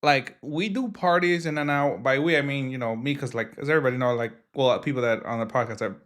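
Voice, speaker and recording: A man's voice: mid-range voice, fast, fairly bright tone. A man in his twenties hosting a podcast, chatting casually and joking with lots of fillers. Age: 20s. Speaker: podcast host. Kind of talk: casual chat.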